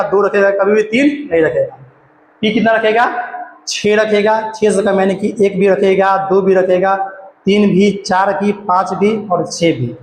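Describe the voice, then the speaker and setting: A man teaching chemistry, firing questions and answering them himself in loud, repetitive call-and-response drills. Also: high-pitched. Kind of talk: classroom-style lesson with call-and-response drills. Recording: echoey room with long reverb, faint background noise.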